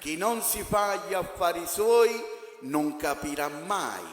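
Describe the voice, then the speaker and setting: Man, slightly high voice, formal recital of maxims, long reverb. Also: animated, takes it slowly, music in the background. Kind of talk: reciting sayings in formal Italian. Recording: echoey hall, noisy.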